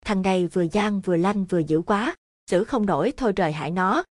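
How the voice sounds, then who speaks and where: A woman's voice: mid-range voice, brisk, no echo, lightly acted. Petty old magistrate, puzzled and questioning voiced by a woman narrator, dry storybook read. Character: petty old male county official, baffled.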